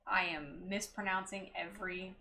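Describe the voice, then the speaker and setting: A woman's voice: mid-range voice, fairly even intonation, moderate pace, sharp tone, slight background noise. A woman streaming a game, chatting casually and playfully, laughing and joking about how she mispronounces place names. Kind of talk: casual gameplay chat.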